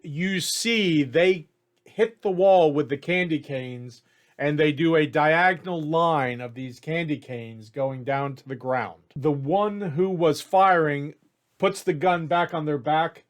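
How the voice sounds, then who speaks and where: A man's voice: on the high side, slow. A man running a tabletop game as game master, narrating casually and matter-of-factly. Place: home setup, online stream.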